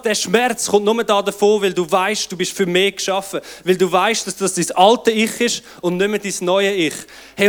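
Preacher, male, high voice, fervent and exclamatory sermon delivery. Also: a bit bright. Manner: fervent, exclamatory, with frequent "hey" and "wow".

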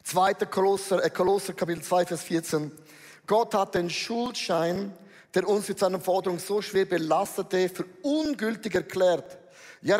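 A man's voice: high voice, a little mellow. A man preaching a sermon to a congregation, emphatic and slangy, dropping in English phrases. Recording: reverberant hall.

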